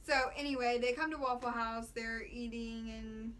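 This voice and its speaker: A young American woman tells a story in casual vlog style. Her voice is fairly high and forceful, with slangy, animated delivery that acts out who said what. Some noise sits behind her. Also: moderate pace. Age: young adult. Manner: animated, slangy, quotes dialogue. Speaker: vlogger telling a story with a friend. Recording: clear background noise.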